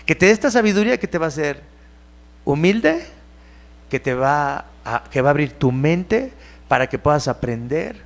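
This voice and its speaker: Mexican pastor guy preaching, high voice, lively, does little impressions of churchgoers. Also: gravelly. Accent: Mexican Spanish. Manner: animated, mimics churchgoers in sweet voices. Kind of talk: sermon.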